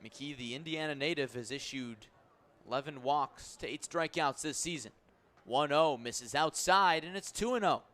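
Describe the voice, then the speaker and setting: A man does live baseball play-by-play in the style of radio sports commentary, his bright, forceful voice sitting slightly high. He moves at a moderate pace, calling the action in clipped phrases and leaning on key words.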